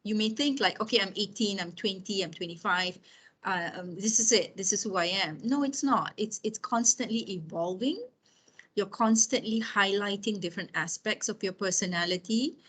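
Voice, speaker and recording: With a mid-range, fairly bright, slightly rough voice, a woman in her fifties delivers a casual lecture full of personal stories. She talks conversationally and keeps checking in with her audience.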